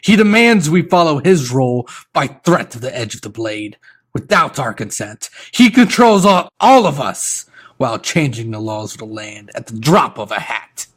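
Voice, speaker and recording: A man's voice: mid-range voice, animated, moderate pace, fairly bright tone, voice pushed up. A man voicing a bitter, envious male usurper who rails against the king in accusing speeches. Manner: ranting, accusatory oratory.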